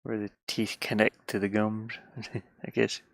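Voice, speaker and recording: Inside a metal van lined with insulation, a livestreamer draws on an art tablet and rambles informally, often muttering half to himself. His voice is lowish with little pitch movement, a bit slow, with vocal fry. There is no room sound.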